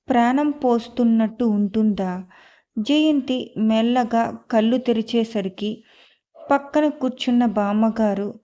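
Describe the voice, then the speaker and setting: Brief: woman audiobook narrator, calm and measured, slow, slightly high, muffled lo-fi. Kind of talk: scripted novel narration.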